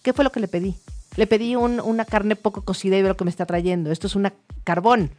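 A woman's voice: mid-range voice, fairly even intonation, quick pace, a little mellow, faint music behind, natural voice. A woman acting out a furious, rude woman scolding a waiter in a story. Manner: demanding, scolding. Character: furious rude woman diner complaining loudly.

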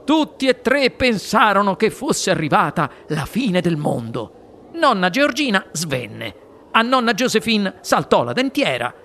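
Storybook narrator, really animated and swoopy, bit of hiss in the background. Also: mid-range voice, measured pace. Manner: expressive, animated. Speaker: audiobook narrator. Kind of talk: children's storybook reading.

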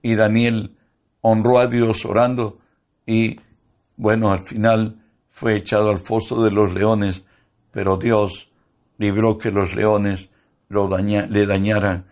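A man as pastor giving a Bible study sermon, in a slow, measured preaching manner that reads scripture aloud. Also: on the low side, level tone, a little mellow.

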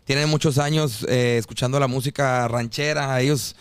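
A man's voice: medium pitch, steady tone, normal speed, smooth, dry recording. A man with a northern Mexican accent, telling anecdotes casually in informal, slangy talk as a podcast guest. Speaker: guest singer.

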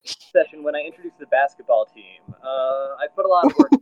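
A man's voice: fairly high pitch, a little fast. A man running a tabletop role-playing game as game master, narrating casually with many fillers. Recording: dull lo-fi sound with faint music.

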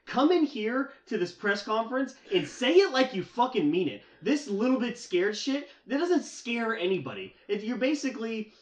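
A man's voice: very high-pitched, big pitch swings, normal speed, few pauses, roomy sound. A man hosting an amateur sports podcast, steering topics with blunt, profane opinions. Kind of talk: casual sports chat.

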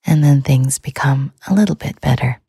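A woman hosting a sleep podcast, talking in a soft, soothing whisper. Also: very deep voice, normal speed, vocal fry, slightly rough, no room sound, clean studio sound. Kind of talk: whispered ASMR sleep talk.

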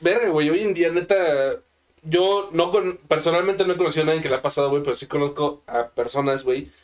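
A man's voice: fairly high pitch, steady tone, quick pace. A man with a Mexican accent in crude casual chat, swearing constantly and saying "güey" almost every line. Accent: Mexican Spanish.

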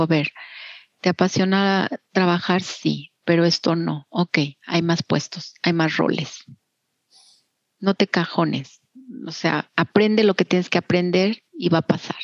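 A middle-aged woman with a Mexican accent speaks candidly and encouragingly as a guest in a casual interview, using lots of fillers. Her voice is lowish, and the recording is dry and dull.

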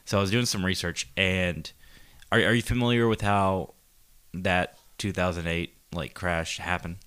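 Podcast co-host, man, deep bright voice, rambling and profane in casual chat. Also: steady tone, unhurried, clean tone. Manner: rambling, profane, explaining at length.

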